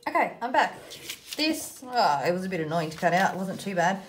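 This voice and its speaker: A woman's voice: lowish voice, very animated, fairly quick, a little hiss or hum. A woman with an Australian accent giving a casual craft tutorial, chatting informally and self-deprecatingly as she thinks aloud while working. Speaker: host of a children's craft video.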